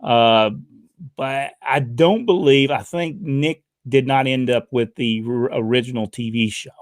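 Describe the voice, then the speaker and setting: A man's voice: mid-range voice, unhurried, no echo, studio quality. An older man, hosting a casual talk show, reading out questions and telling folksy stories with many filler sounds. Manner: folksy storytelling with frequent uh fillers. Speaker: podcast host reading viewer questions. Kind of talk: casual chat.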